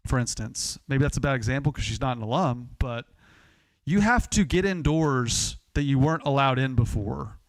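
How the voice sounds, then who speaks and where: A man's voice: mid-range voice, animated, moderate pace, dry recording. A man co-hosting a casual live-streamed sports chat, his audio cutting in and out so the volume keeps dipping and jumping. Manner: conversational, with restarts and fillers. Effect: uneven volume, audio cutting in and out. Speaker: podcast co-host.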